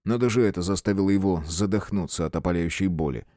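A man narrating an audiobook with an expressive, dramatic reading. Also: low voice, fast talker, dry recording, clean studio sound.

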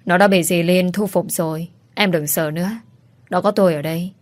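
Lady reading a sweet young husband, soft and pleading, lowish voice. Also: fairly even intonation, brisk, no echo, natural voice. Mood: tender. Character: young husband, tender and devoted.

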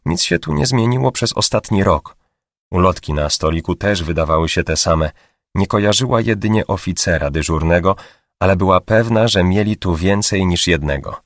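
Deep-voiced man narrating an audiobook. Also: lively intonation, normal speed, creaky, dry recording, studio quality. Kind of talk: scripted narration.

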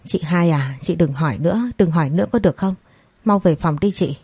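A woman plays a teary younger sister pleading for calm. She coaxes and begs in a low mellow voice, heard up close and dry. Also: brisk, husky, no echo. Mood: coaxing, tearful. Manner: coaxing, begging.

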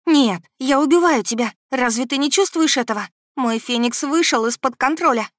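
Woman doing a scared young heroine, high frantic pleading, dry recording. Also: slow, dry recording. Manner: frantic, high, shouting pleas. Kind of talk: audiobook character voice.

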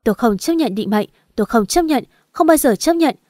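A woman voicing an older, domineering mother who shouts her insistent refusals. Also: mid-range voice, fast, no room sound, studio quality, close to an everyday voice. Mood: furious.

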